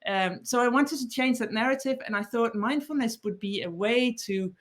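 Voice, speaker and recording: With a somewhat high voice at a normal pace, this Danish-accented author in her forties is interviewed as a podcast guest. She lays out her ideas thoughtfully, often starting over and repeating words.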